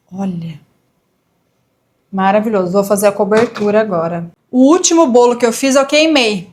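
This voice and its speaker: Chatty woman vlogger, fairly high voice. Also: a little mellow. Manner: chatty, confiding, often addresses viewers as "gente". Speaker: lifestyle vlogger. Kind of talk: casual chat to camera.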